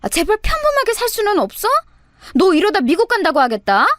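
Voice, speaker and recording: A woman voicing an exasperated, nagging middle-aged mother who scolds in fretful, high outbursts. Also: huge pitch swings, brisk, no echo, studio quality, exaggerated voice.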